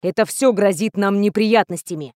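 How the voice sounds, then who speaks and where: A woman's voice: medium pitch, moderate pace, darkish tone, no echo, clean studio sound, natural voice. A woman voicing a weary, stern middle-aged male teacher who speaks curtly and with authority. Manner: curt, grim, authoritative.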